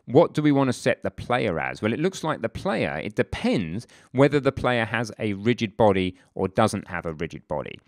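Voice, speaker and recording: A man's voice: on the low side, sing-song, normal speed, hardly any pauses, dry recording, clean studio sound. A man teaching game development in an informal, chatty screen-recorded tutorial, with frequent asides and self-corrections.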